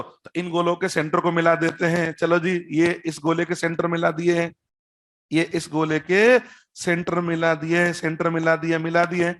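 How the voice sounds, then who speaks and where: Teasing his students with joking asides, a man gives a classroom-style chemistry lecture at a board, explaining step by step, repeating key terms and quizzing the class. His pitch is fairly high and a bit bright.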